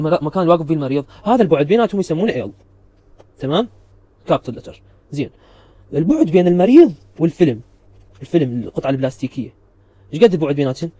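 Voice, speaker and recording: A man's voice: on the high side, mellow, dry recording. A man giving a recorded physics lecture, explaining step by step and checking understanding with repeated questions.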